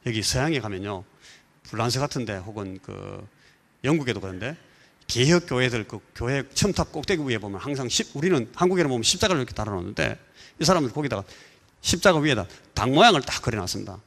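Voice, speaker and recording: A Korean man delivers a Sunday sermon with lively storytelling, now and then imitating rooster crows and the voices of people in the story. His voice sits at an ordinary middle pitch. A long church-hall reverb trails after his words. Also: quick pace. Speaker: pastor. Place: church sanctuary.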